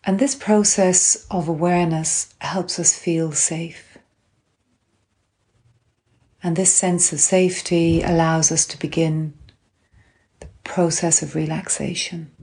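A woman instructor calmly and gently guiding a grounding exercise, unhurried, with long pauses between phrases. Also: on the low side. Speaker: guided relaxation instructor. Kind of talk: calm guided grounding exercise.

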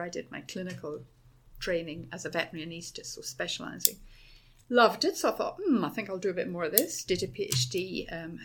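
Middle-aged Dublin woman, principal type, gravelly edge, eager, rambling delivery. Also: mid-range voice, a bit bright. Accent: Dublin Irish. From Ireland. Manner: enthusiastic, rambling with many restarts. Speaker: university principal. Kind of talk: podcast interview answers.

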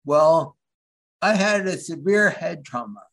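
A man from the Philadelphia area, a guest in an interview, speaking haltingly with many restarts as he searches for words. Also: a little high, lively intonation, gravelly, a bit bright. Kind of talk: interview conversation.

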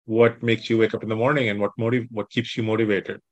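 A man hosting a podcast interview, enthusiastic and quick to repeat praise. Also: fairly low pitch, flat delivery, dry recording, muffled recording. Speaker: podcast host.

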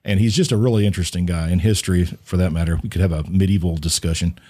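A man's voice: sits low, fairly even intonation, fast, warm tone. A middle-aged man hosting a podcast, chatting casually and acting out the people in his stories. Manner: storytelling, acts out the people in his anecdotes. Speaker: podcast host.

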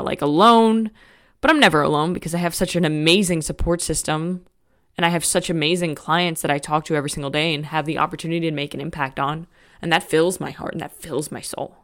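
A woman's voice: lowish voice, fairly bright tone. A woman hosting a podcast, talking candidly in a motivational monologue with a frank, emphatic, casual manner. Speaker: podcast host.

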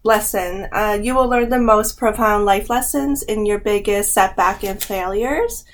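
A woman in her thirties from Canada chats as a guest, her pitch in a middle range. She is hesitant and full of fillers, searching for words as she goes. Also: unhurried. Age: 30s. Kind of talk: casual chat.

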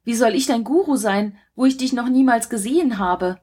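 A sly old guru from a storybook, as a woman reads him, stern and commanding. The voice is a little high and husky in tone. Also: normal speed, darkish tone, close to an everyday voice.

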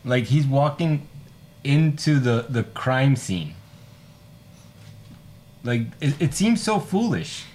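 A man co-hosting a podcast, talking in a casual, animated and opinionated way, swearing now and then. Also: medium pitch, slow, pauses often. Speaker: podcast co-host. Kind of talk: casual film discussion.

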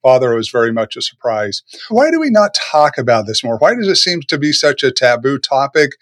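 Male show host and interviewer. Mid-pitched, reflective and conversational, recorded dry. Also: big pitch swings, fairly quick, fairly bright tone, no echo.

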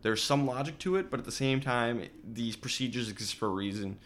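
A man's voice: mid-range voice, a little fast. A man co-hosting a podcast, casually recapping a horror film with wry asides. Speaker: podcast co-host. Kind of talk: casual chat.

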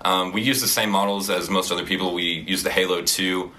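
Young Oklahoma man, student entrepreneur, deep and bright voice, easygoing explainer. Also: brisk. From Oklahoma, USA. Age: young adult. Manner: relaxed, explanatory, with fillers. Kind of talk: casual interview answers.

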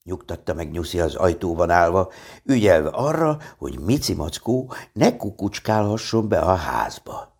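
A man calmly reading a children's storybook aloud. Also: low-pitched, gravelly, breathy edge.

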